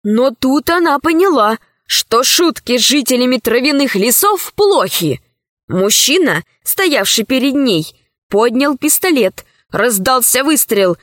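A woman narrating a children's adventure book in a calm, unhurried, clear reading voice. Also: high voice, no echo, clean studio sound. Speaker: storyteller.

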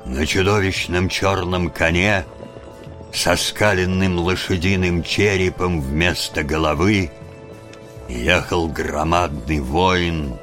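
A man narrating a fantasy audiobook in a measured, dramatic way. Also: deep voice.

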